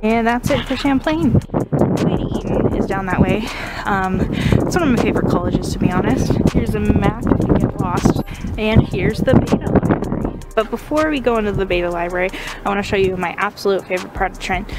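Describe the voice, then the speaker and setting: A young adult woman gives a casual, chatty campus walking tour for her vlog, recorded outside in very noisy conditions. Her voice is medium-pitched and fairly quick.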